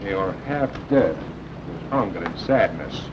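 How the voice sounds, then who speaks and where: Weary stern underground worker scolding a comrade, 40s movie, noisy muffled sound. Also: male voice, sits low, lively intonation. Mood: grave. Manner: admonishing, deliberate. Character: stern, world-weary resistance worker mentoring a rash comrade. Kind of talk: 1940s film acting. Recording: noisy, dull 1940s film soundtrack.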